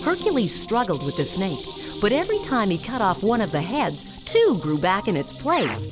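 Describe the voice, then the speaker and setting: A woman reading scripted narration as a smooth museum audio guide, measured and clearly enunciated. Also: medium pitch, huge pitch swings, over music.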